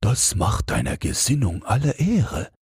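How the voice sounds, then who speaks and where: A man's voice: lowish voice, wildly swooping pitch, measured pace, a little mellow, husky, dry recording, clean studio sound, voice pushed up, exaggerated voice. A man voicing the wind in a fairy tale, commanding and lecturing. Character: the wind, a bossy kindly old elemental.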